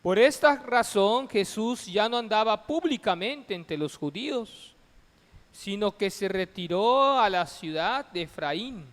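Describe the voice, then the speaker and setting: A high-voiced man reads the Gospel at Mass in a solemn, measured way. He speaks slowly, declaiming phrase by phrase with pauses. His voice rings through the long echo of a large church, like a cathedral. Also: animated, a bit bright. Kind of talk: solemn liturgical scripture reading.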